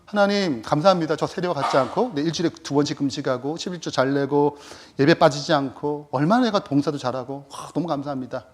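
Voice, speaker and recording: A man's voice: a little high, fast talker, slight background noise, voice pushed down, lightly acted. A man acting as a smug self-righteous man at prayer.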